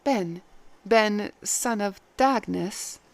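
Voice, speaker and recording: A woman reading the part of a calm, kindly head maid who speaks gently and formally. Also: medium pitch, extremely slow, creaky. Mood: gentle.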